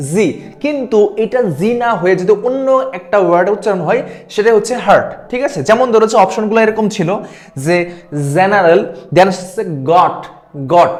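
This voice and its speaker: Guy with teaching exam prep, rattles along fast, keeps repeating words. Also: sits high. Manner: quick, repeats words, asks "ঠিক আছে?". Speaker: admission test tutor.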